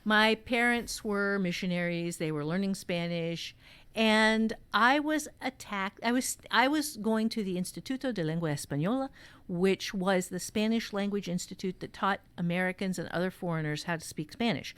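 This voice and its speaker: Medium-pitched and at normal speed, the woman's voice has a fairly bright, clean tone. In her role as podcast host and workshop teacher, she chats casually and candidly, sharing emphatic personal stories and cursing freely.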